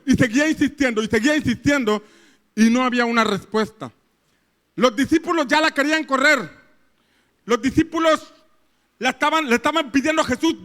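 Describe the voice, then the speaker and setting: High bright-voiced male pastor preaching. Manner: repetitive, rising rhetorical questions, acting out quoted voices. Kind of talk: sermon.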